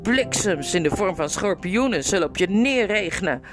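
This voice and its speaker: A woman's voice: lively intonation, moderate pace, music in the background, close to an everyday voice. A woman reading aloud and voicing an arrogant young prince who rants and shrieks boastful curses. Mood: raging. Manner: shrill, ranting, boastful.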